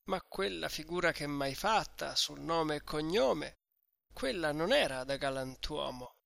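A man voicing a drunk young man, boastful and muddled, with slurred, drawn-out speech. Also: fairly high pitch, expressive, vocal fry, fairly bright tone, no room sound, studio quality, heavily acted. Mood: tipsy cheerful.

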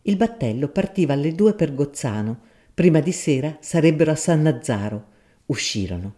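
Mellow man reading a story. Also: on the high side. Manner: measured, expressive reading. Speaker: narrator. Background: soft guitar music.

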